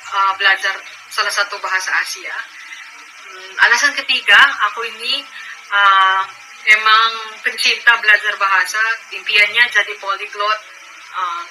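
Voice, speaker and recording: A woman's voice: medium pitch, steady tone, normal speed, sharp tone, slight background noise, rough recording. A young Filipino woman with a Filipino accent, a foreigner speaking fluent colloquial Indonesian in a casual vlog style. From Philippines. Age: young adult. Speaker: language student making videos.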